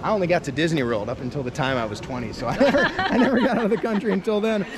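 A man's voice: a little high, sing-song, very fast, a loud crowd. A man in his thirties vlogging casually outdoors at a temple site, upbeat and chatty, with frequent laughs, filmed on a camera at arm's length. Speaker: travel vlogger. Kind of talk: casual travel vlog. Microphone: handheld action camera at arm's length. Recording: loud outdoor background noise. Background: loud outdoor street noise.

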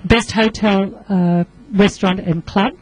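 A woman's voice: medium pitch, fairly even intonation, a little slow, slightly rough, low-quality recording. A woman hosting a casual radio interview, chatty and laughing often. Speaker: radio host. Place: radio studio. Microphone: studio microphone.

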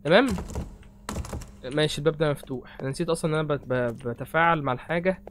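Young egyptian man, horror game commentary, rambling, nervous joking, very fast, slightly high voice. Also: slight background noise. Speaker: gaming host.

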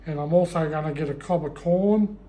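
Aussie guy vlogging, laid back, chuckles a bit, bit higher voice. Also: fairly quick. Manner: relaxed, chuckling. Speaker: travel vlogger. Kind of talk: casual vlog chat.

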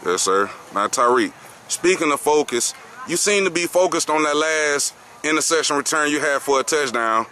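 A man's voice: a little high, lively intonation, normal speed, bright, forceful tone, a little hiss or hum. A man interviewing a football coach and players outdoors, formal and saying "yes, sir" after each answer. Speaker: sports interviewer. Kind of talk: postgame interview questions. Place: outdoor football field at night.

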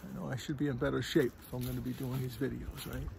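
On a windy forest trail, a middle-aged man films himself with a phone held at arm's length for a casual walking vlog. His voice is medium-pitched, level, fast and a little mellow, with vocal fry. Slightly out of breath, he rambles chattily and keeps asking "all right?"

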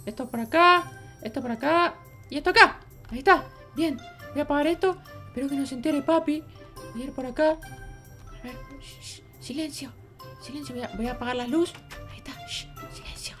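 A woman's voice: fast, sharp tone, faint music behind. A woman voicing a mischievous runaway baby boy in a Minecraft roleplay, chatting to the viewers as he sneaks around. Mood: sneaky. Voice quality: squeaky childlike voice. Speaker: roleplay channel performer.

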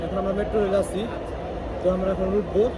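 A young man from Bangladesh rattles off a walking vlog in a slightly high voice, chatty and self-deprecating as he talks straight to his viewers. He is recorded on a phone outdoors, with loud city traffic noise all around. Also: little pitch movement, fast talker. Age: young adult. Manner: chatty, self-mocking, addresses viewers as guys. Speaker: vlogger. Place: outdoors on busy city streets and campus.

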